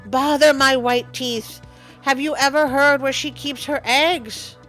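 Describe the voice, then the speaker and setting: Woman as a bossy little mongoose hero, brisk. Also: high voice, steady tone, a bit bright, soft background music, voice pushed up. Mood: scolding, impatient. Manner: brisk, scolding.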